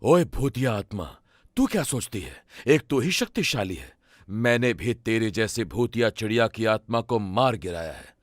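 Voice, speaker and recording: A man voicing a stern male tantric exorcist in a Hindi cartoon, low, commanding and threatening. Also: big pitch swings, normal speed, no echo, studio quality.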